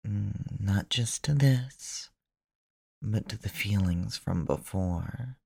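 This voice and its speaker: A man with a deep, gravelly voice speaks in a soft, commanding way, often sinking into a whisper. He draws out every phrase at a very slow pace. The sound is dry and close, with no room echo. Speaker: erotic audio performer. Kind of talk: slow intimate erotic roleplay.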